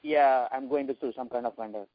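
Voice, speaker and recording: A man's voice: mid-range voice, brisk. A man from India with an Indian accent, calling in for advice in a hesitant, deferential way. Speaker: caller. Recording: dull, dry phone call.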